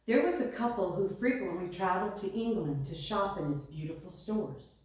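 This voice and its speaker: A woman reading a devotional story aloud in a gentle storytelling manner. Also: mid-range voice, expressive, normal speed, very echoey, recorded from a distance. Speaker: devotional reader. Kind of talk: slow read-aloud devotion.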